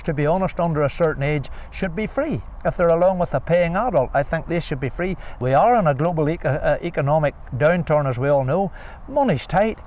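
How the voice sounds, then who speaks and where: A man's voice: on the high side, darkish tone. An older man with a Northern Irish accent making emphatic, persuasive points in an unscripted sports interview. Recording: faint outdoor traffic noise.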